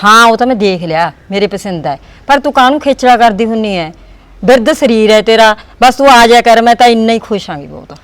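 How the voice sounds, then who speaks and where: Woman as a quick-talking village daughter, emotional, pleading, dry close sound. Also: a little high, expressive, no echo, natural voice. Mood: affectionate. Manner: pleading, talkative. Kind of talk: village family drama.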